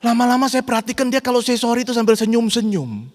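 A middle-aged man preaching a sermon as pastor, swinging between loud urgent rhetorical questions and quiet, intimate reflection. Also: very high voice, animated, fast. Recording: long hall reverb.

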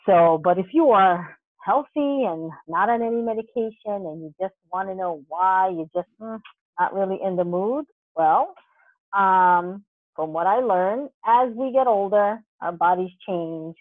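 A woman's voice: medium pitch, unhurried, no room sound. A woman co-hosting a podcast as a sex coach, talking casually and thinking aloud with many fillers. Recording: thin phone-like sound.

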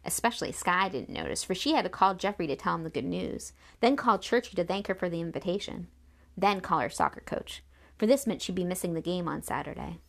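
Woman reading aloud with vocal fry. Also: lowish voice, animated, a little fast, fairly bright tone. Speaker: narrator. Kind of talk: audiobook reading of a children's novel.

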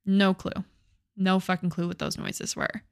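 A woman's voice: medium pitch, level tone, measured pace, no echo, clean studio sound. A young woman co-hosting a podcast, retelling a ghost story in casual chat, swearing and using many fillers. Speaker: podcast co-host.

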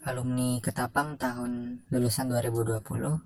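A man's voice: mid-range voice, moderate pace, creaky, a crowd in the background. Voice-changed young man, matter-of-fact. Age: 20s. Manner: calm, matter-of-fact, dryly critical. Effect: voice changer disguising the voice. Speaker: former student giving a testimonial. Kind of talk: casual recorded testimonial.

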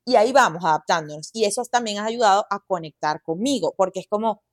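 A woman's voice: medium pitch, fast talker, dry recording. Dry-voiced Venezuelan woman guest. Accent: Venezuelan Spanish. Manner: animated storyteller, colloquial, uses quoted inner voices. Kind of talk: casual podcast chat.

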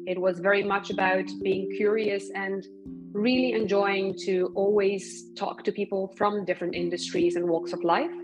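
A woman from Poland, a recruitment professional, answering interview questions in a measured, thoughtful way with frequent ums. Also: mid-range voice, little pitch movement, over music, poor audio.

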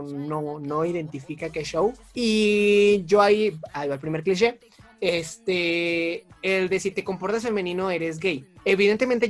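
A young man with a Mexican accent, chatting as an interview guest, talkative and self-mocking, laughing often. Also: sits high. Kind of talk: casual chat.

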